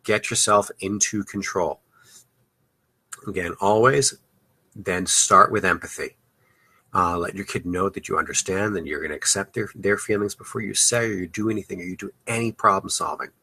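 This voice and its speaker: A man talks through parenting advice on his podcast, his voice pitched a little low but very bright and forward. He speaks casually, with a steady stream of "uh" and "you know" fillers. The sound is close and dry. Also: normal speed, gravelly, husky, no room sound. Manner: loose and conversational, many "uh" and "you know" fillers. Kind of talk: advice talk.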